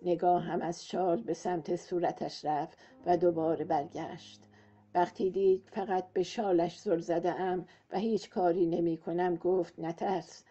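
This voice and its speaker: A woman giving a calm, measured scripted narration of a romance novel as an audiobook narrator. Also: lowish voice. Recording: muffled, soft music behind.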